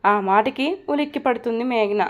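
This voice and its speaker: Fairly high-voiced woman storyteller. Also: normal speed. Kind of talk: scripted story narration.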